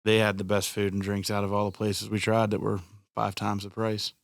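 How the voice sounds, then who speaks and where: Co-host: lowish man with a gravelly fry, blunt casual talk, dry sound. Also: completely flat delivery, a little fast, dry recording. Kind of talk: casual interview chat.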